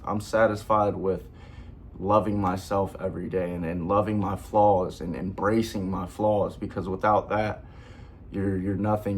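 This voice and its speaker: A young man with a lowish voice talks straight to his phone camera in an earnest, rambling vlog. He leans on slang and fillers, circling back to his point. A faint hum of room noise sits under his voice. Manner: earnest, rambling, slangy, repeats "bro" and "you know". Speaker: vlogger. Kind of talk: casual heartfelt vlog talk.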